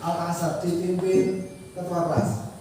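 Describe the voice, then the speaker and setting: A man's voice: high-pitched, flat delivery, takes it slowly, warm tone. Echoey male teacher addressing a class. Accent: Indonesian. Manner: encouraging, addresses class directly. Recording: echoey classroom from far off, background noise.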